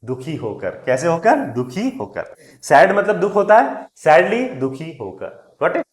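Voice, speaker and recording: A man teaching English words, reading example sentences slowly and clearly, then explaining them in Hindi, stressing each new word loudly before trailing off softly. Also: fairly high pitch, big pitch swings, roomy sound.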